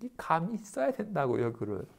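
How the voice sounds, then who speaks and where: A man, a Buddhist monk, giving a dharma lecture and acting out everyday complaints in quick asides. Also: on the high side, wildly swooping pitch, creaky.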